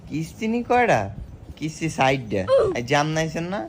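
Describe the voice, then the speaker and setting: A man's voice: on the high side, very animated, normal speed, music in the background. A man, playing a child in a comic sketch and talking in a whiny, complaining way. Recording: noisy background.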